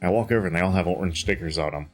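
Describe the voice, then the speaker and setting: Tired male streamer, very low voice, rambling home chat with faint music behind. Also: rapid-fire. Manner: rambling, chatty, many fillers and restarts. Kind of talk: casual chat while gaming.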